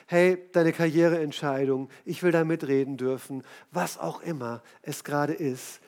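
Excited preacher guy, pretty high voice, chatty, talks right to you. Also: unhurried. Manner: casual, enthusiastic, addresses listeners directly. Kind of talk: sermon with lively storytelling.

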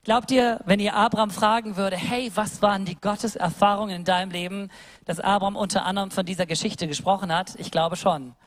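A woman's voice: mid-range voice, fairly even intonation, fairly quick. A woman from Germany preaching a sermon, speaking earnestly and directly to her listeners and voicing quoted words in changing tones. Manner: acts out quoted speech in a shifting voice.

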